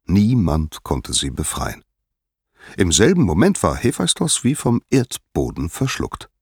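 Deep, husky storybook narrator, man. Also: a little slow, no room sound, clean studio sound. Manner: expressive, dramatic storytelling.

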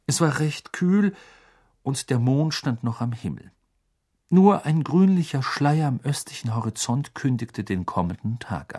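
Brief: male audiobook narrator, expressive, animated pitch, a bit husky. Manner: animated, varies pitch for characters.

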